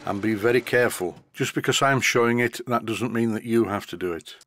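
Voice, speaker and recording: A little fast and relaxed, an older northern Englishman with a softened accent narrates an off-the-cuff workshop tutorial as a model engineering tutor. A slight stutter comes through, and his high-end studio microphone picks up slight background noise.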